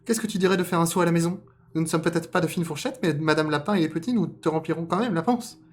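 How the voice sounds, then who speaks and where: A man's voice: on the high side, fast, pitched above the performer's own voice, close to an everyday voice. A man doing a plump cocky trickster rabbit. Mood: perky.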